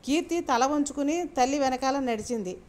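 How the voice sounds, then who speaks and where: A woman reads a serialized novel aloud, chapter by chapter. Her voice is high and her delivery steady and measured, like a storyteller at ease with her own text.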